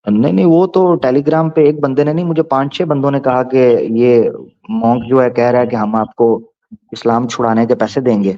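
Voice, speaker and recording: A man hosting a debate, teasing and pressing his questioner, then slowing down to explain point by point. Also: mid-range voice, fairly even intonation, no echo. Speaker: debate host answering a questioner. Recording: dull dry lo-fi sound.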